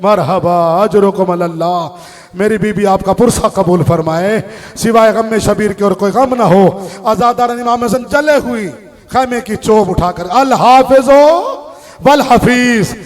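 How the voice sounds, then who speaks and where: A man giving an impassioned Shia mourning sermon, with a drawn-out, lamenting, chant-like delivery. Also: high-pitched. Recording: long reverb of a large hall.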